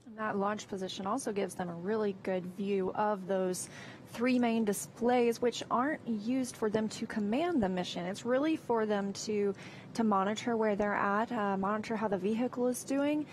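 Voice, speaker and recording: A woman's voice: medium pitch, normal speed, a little mellow, a little hiss or hum. A woman giving live, informal explanatory commentary as a broadcast host.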